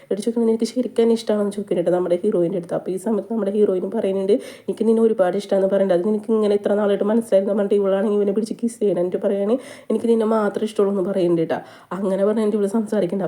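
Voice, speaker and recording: Fast-talking Malayali woman recapping a drama. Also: medium pitch, fairly even intonation, mellow. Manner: rapid chatty retelling, frequent tag "ട്ടോ". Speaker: movie recap narrator. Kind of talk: casual storytelling recap.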